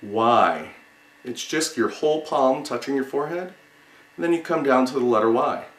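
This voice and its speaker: A male sign language teacher with a mid-pitched voice leads a class, recorded in an echoing, roomy space. His lesson proceeds word by word in a halting, step-by-step way, with explanations, pauses, and single words repeated.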